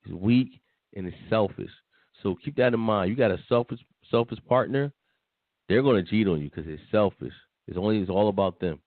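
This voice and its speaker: A man's voice: fairly low pitch, a little fast, dry recording. A man co-hosting a podcast, talking bluntly and dismissively in casual chat, often repeating himself. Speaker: podcast co-host. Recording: tinny phone line, dry.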